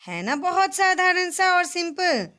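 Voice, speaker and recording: A woman teaches young children Hindi vocabulary, splitting each word into syllables and repeating them slowly. Her high, bright voice leaps up and down as she coaxes the pupils, and between words she cheers them on in an animated, sing-song way.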